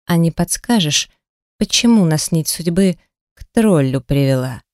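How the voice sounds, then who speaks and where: A composed necromancer speaks in a low, unhurried, faintly mocking tone, as a woman reader plays him. The voice drops a little below her usual pitch and stays quiet and even. The sound is dry and close. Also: no room sound. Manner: calm, dry, slightly mocking. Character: calm, sardonic male necromancer. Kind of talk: audiobook character voice.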